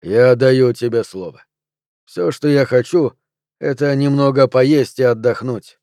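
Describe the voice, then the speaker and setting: A man voicing an exhausted captured fugitive who speaks quietly and slowly. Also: medium pitch, no room sound, studio quality, lightly acted. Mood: weary. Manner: quiet, slow and weary. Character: exhausted captured male fugitive, weary and calm.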